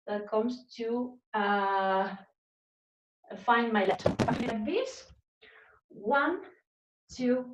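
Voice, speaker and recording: A woman teaching an online flamenco class, chatty and encouraging as she counts out the steps. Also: a little high. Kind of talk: online dance class instruction. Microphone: laptop mic on a video call. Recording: roomy, distant, lo-fi video call audio.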